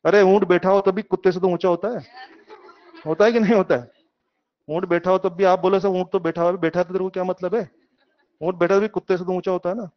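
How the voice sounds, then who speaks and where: A middle-aged man teaching physics, lively and questioning, drawing in his students with homely examples. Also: high voice, fast talker, pauses often, muffled recording. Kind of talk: classroom lecture.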